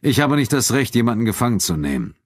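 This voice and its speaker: A man reading an audiobook and voicing a calm, cold male town official who speaks in a measured, quietly firm manner. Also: medium pitch, no echo, studio quality, pitched above the performer's own voice.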